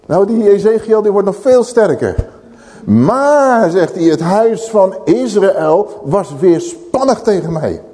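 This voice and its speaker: Man preaching, lively and dark. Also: a little high. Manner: animated, reads scripture aloud and comments. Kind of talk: sermon. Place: church hall. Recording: long reverb of a church hall.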